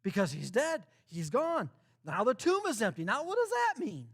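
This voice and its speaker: A man's voice: very high voice, wildly swooping pitch, normal speed. A man preaching a sermon as pastor, in a conversational style built on repeated rhetorical questions and lines.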